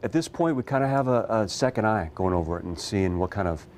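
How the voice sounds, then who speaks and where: A police investigator speaking deliberately and matter-of-factly in an interview. His voice is very deep, with faint background noise in the recording. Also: animated, a little mellow. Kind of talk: interview answers.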